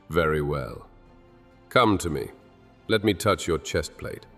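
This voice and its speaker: An actor playing a proud, anxious king cursed with a golden touch, speaking in a deep, slow, stately way in an ASMR audio drama. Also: expressive, fairly bright tone, big-room sound, soft background music, full character voice. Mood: grave.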